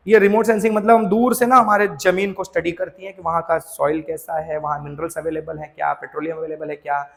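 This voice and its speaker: A man's voice: high voice, gravelly, long reverb tail. A man teaching a school social science lesson, explaining in a chatty, informal way and mixing in English terms. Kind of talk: classroom lecture.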